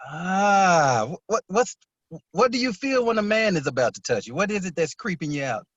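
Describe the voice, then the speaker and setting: A male guest comedian in a casual chat, laughing often and trading quick jokes. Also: sits high, big pitch swings, a bit bright, no echo, muffled recording. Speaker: guest comedian and massage therapist.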